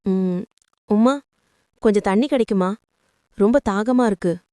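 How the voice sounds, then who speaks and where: A woman's voice: medium pitch, a little slow, warm tone, clean tone, dry recording, studio quality, natural voice. A woman voicing a tired, polite young male delivery rider who speaks earnestly and a little hesitantly. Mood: weary.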